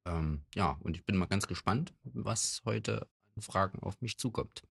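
Male guest, thirties, deep voice, unhurried and plain, slightly hesitant, dry recording. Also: creaky, a bit bright, husky, dry recording. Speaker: company managing director, interview guest. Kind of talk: plain self-introduction in interview.

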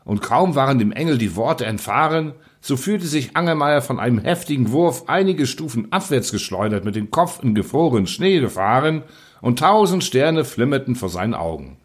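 Expressive husky male storyteller. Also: medium pitch, moderate pace. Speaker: narrator. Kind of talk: scripted audiobook narration.

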